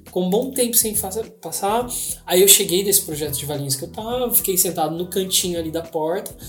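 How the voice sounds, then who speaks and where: A young man with a Brazilian Portuguese accent hosting a podcast, telling a story in casual slang with dramatic pauses. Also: high-pitched. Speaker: podcast host. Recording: echoey room with faint music.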